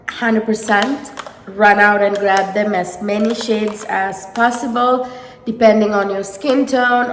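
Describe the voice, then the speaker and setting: A woman's voice: on the high side, creaky, roomy sound, in a large hall, a little hiss or hum. A woman with a nasal head cold reviewing makeup in a casual, gushing way, talking to her viewers. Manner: gushing, enthusiastic. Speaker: beauty vlogger.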